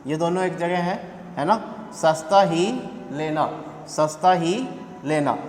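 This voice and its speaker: A male teacher with a high voice runs an exam coaching lesson, repeating each rhyme and firing quick questions at his students. He sounds as if he is in an echoey room with a long reverb tail. A faint background noise sits under his voice. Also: darkish tone.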